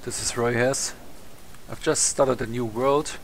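Over game music and a little background noise, a young non-native English speaker with a German accent casually commentates his gameplay at a measured pace. His medium-pitched voice stays steady as he rambles, swears and laughs at himself in let's play fashion.

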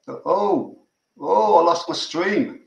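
A man's voice: on the high side, slow, gravelly, darkish tone, roomy sound, poor audio. An older grandfather, chatting casually and urging the players on during a live football reaction. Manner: chatty, restarts sentences, urges the players on. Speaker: grandfather co-watching the match.

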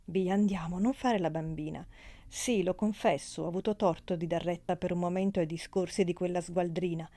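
A woman's voice: lowish voice, steady tone, a little fast, dark tone, close to an everyday voice. A woman voicing a young nobleman who speaks firmly, with an edge of bitterness. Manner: firm, bitter. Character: young count, firm and indulgent.

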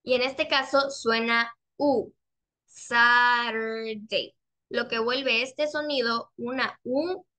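A young woman teaching an online class over a video call. She patiently repeats her questions and draws out the example words slowly. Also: high-pitched, fairly even intonation, pushed and bright. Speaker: English teacher.

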